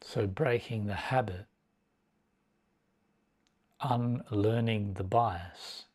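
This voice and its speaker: A meditation teacher speaks in a fairly low, husky voice with a darkish tone. His pace is very slow and deliberate, with short phrases divided by long, measured pauses.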